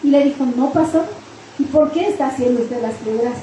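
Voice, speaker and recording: A woman pastor delivers a storytelling sermon, acting out dialogue and repeating key phrases for weight. Her voice sits high but mellow. The church hall rings with heavy echo, with a faint hum of room ambience behind her. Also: fairly quick. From Mexico. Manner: retells an anecdote with quoted dialogue and repetition.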